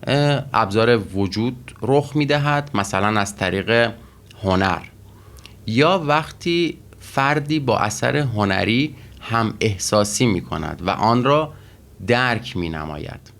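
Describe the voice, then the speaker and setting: A man with a fairly low voice teaches a language lesson. He works through each word methodically, stopping often with fillers before moving on. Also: animated, gravelly, a bit bright. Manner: methodical, with frequent pauses and fillers. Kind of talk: explaining vocabulary and grammar.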